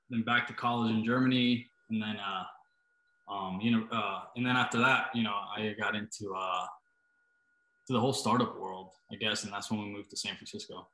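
A man's voice: fairly low pitch, sharp tone. A man from Costa Rica, a startup founder, answering interview questions hesitantly, with many fillers. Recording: roomy, echoey sound.

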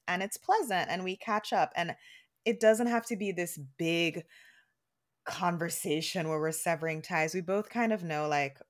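A woman in her thirties co-hosting a casual podcast, talking through her thoughts with frequent restarts and easy laughter. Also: fairly low pitch. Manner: chatty, many restarts and "like"s, laughs easily. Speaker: podcast co-host.

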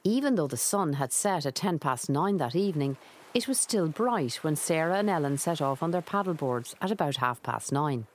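A woman's voice: low-pitched, animated, moderate pace, slight background noise. An Irish-accented woman reading scripted narration for a documentary.

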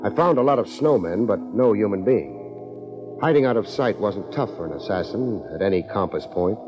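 Hard-boiled radio detective narrator, terse. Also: male voice, lowish voice, lively intonation, normal speed. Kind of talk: 1950s radio drama narration. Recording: dull old radio broadcast with music.

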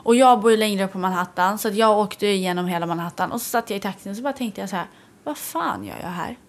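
A young woman from Sweden, co-hosting a podcast, musing aloud in casual chat and asking many rhetorical questions. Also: medium pitch. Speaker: podcast co-host.

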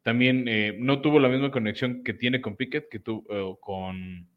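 A man's voice: mid-range voice, fairly even intonation, moderate pace. A man co-hosting a casual sports talk show, breaking down games analytically. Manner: analytical, frequent fillers. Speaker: podcast co-host. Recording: muffled lo-fi audio.

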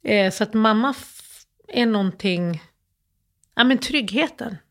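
A middle-aged woman from Sweden telling an interviewer about her mother, in halting speech full of fillers and restarts. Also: mid-range voice, fairly bright tone. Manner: halting, many fillers and restarts, acts out past phone calls. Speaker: interview guest. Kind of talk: personal interview, emotional storytelling.

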